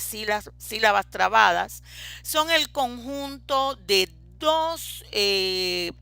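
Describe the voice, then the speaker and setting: A woman's voice: a little high, bright, forceful tone, no echo. A woman teaching a lecture on reading and writing, explaining step by step with frequent hesitant fillers.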